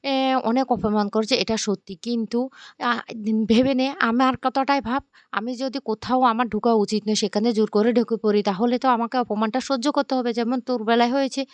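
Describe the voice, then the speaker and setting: Woman reads a proud mother, fast and firm. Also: on the high side, fairly even intonation, no echo, lightly acted. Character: proud middle-aged mother, defiant.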